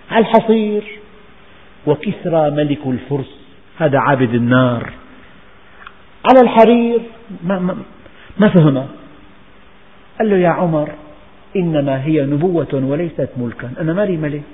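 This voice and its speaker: Syrian male preacher, emphatic lecturing, fairly high voice, phone-thin sound in a reverberant hall. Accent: Syrian Levantine Arabic. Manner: emphatic, building repetitive rhetorical lists. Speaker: Islamic preacher explaining scripture. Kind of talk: religious lecture. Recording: tinny lo-fi audio with long hall reverb.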